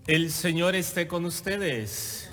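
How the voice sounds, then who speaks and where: Slow priest in echoing cathedral. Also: male voice, a little high, a bit bright. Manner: measured, formal delivery in phrases. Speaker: priest reading the Gospel at Mass. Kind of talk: solemn liturgical scripture proclamation. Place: large reverberant church. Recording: cathedral echo, long reverb, faint background noise.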